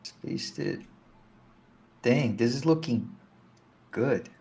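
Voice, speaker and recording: Man, stream guest, relaxed, jokey, laughs easily, medium pitch. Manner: relaxed, joking, quick to laugh. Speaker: guest developer. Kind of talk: casual live-stream chat.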